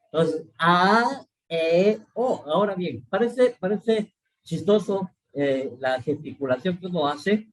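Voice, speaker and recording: Husky man teaching an online class. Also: high voice, poor audio. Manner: explains slowly, repeats points, many fillers and checks of "¿sí?". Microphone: video call.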